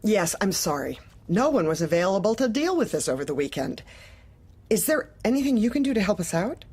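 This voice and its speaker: This time the character's voice turns sing-song and fairly quick, medium in pitch, a bit mellow with a breathy edge. Still politely insistent, the officious manager masks her manipulation with bland courtesy and an undercurrent of threat in this darkly funny audio play.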